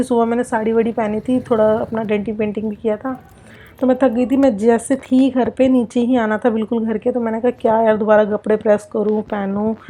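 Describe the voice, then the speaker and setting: A woman's voice: a little high, dark tone, slight background noise. A young woman from India narrating her family vlog in a chatty, rambling, confiding way, sleepy late at night. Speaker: vlogger.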